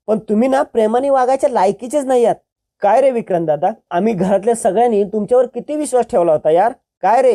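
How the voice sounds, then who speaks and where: A storyteller voicing a young woman in a family drama who angrily accuses her relatives, with sharp, scolding outbursts. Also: medium pitch, lightly acted.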